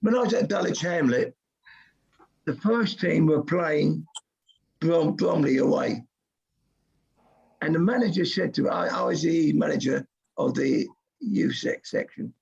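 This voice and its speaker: An older man with a deeply gravelly, husky voice that is fading and hoarse. He speaks in a fairly high register for a man and spins yarns with dry humour. The stream audio is muffled and lo-fi. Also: lively intonation, a little slow, pauses often, darkish tone. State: losing his voice. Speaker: guest, goalkeeping coach. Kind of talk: casual storytelling on a podcast.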